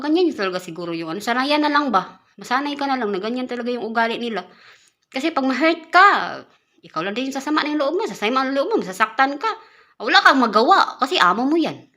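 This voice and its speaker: Casting note: woman from the Philippines, caretaker vlogger, bright voice, chatty and easygoing, stumbles and restarts words. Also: sits high. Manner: chatty, repeats and restarts words, laughs often. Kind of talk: casual vlog talk.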